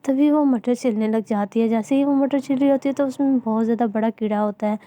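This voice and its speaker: A woman narrating a cartoon story in a plain, unhurried way. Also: on the high side, dark tone, no echo.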